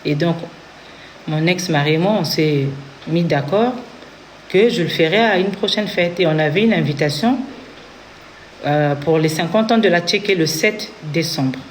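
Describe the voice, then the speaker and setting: A woman's voice: deep voice, a little slow, slight background noise. A woman from Congo with a Congolese French accent, telling her own story in an earnest testimony and acting out what others said. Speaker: interviewee giving a testimony. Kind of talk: personal testimony.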